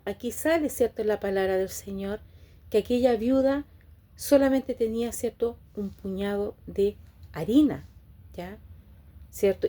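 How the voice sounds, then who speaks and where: A woman delivers a sermon in a warm, mellow voice at a middling pitch. She keeps asking her listeners rhetorical questions. She ends almost every phrase with a questioning "right?". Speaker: preacher.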